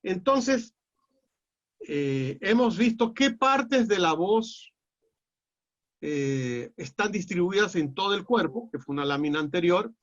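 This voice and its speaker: A middle-aged man with a Peruvian accent lecturing a class in a measured, explanatory way, often pausing on "eh". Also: high-pitched, animated, fairly bright tone. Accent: Peruvian Spanish. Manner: measured and explanatory, with frequent "eh" fillers and restarts. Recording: dull lo-fi audio.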